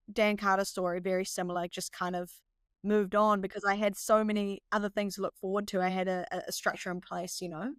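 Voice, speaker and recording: A young woman with a New Zealand accent tells stories in a relaxed interview. She is upbeat and animated, with a fairly low voice and a dry, close sound with no room echo. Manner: upbeat, animated storytelling with frequent "you know". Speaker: guest, professional cricketer. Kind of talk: casual interview chat.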